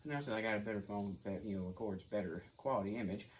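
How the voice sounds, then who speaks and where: A young man giving a casual how-to to camera, halting as he searches for words. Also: lowish voice. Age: young adult. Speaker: video host. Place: garage, phone on tripod a few feet away. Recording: clearly noisy garage phone recording.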